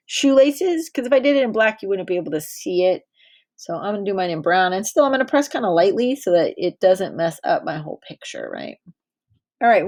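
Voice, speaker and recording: Patient woman teaching kids to draw. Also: mid-range voice. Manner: patient, encouraging, talks to small children. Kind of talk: directed drawing lesson for young kids.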